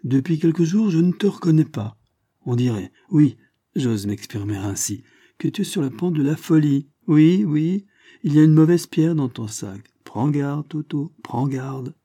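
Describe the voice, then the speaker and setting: A man's voice: fairly high pitch, normal speed, pitched above the performer's own voice. A man doing Michel, an earnest worried friend. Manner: pleading, solemn, excitable.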